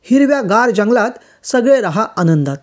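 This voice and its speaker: A woman voicing a kind, fatherly old mountain in a storybook tale, with a warm, welcoming manner. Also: fairly high pitch, sing-song, normal speed.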